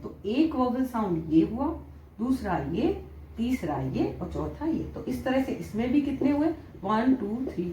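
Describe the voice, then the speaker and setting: A woman's voice: a little high, mellow. A young woman teaching with an Indian accent, explaining step by step and checking with frequent questions. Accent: Indian English. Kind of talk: classroom-style English lesson. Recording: echoey room, faint background noise.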